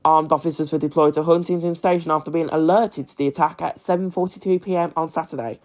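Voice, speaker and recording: A young British man reading an amateur news bulletin from a script in a measured, formal way. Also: a little high, steady tone, darkish tone. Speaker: news presenter.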